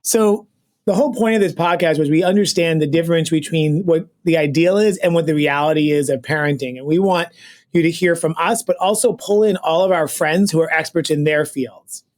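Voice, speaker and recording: A man's voice: on the high side, a little fast. Middle-aged male doctor, American accent, conversational podcast co-host. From Brooklyn, New York. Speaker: pediatric gastroenterologist, podcast co-host.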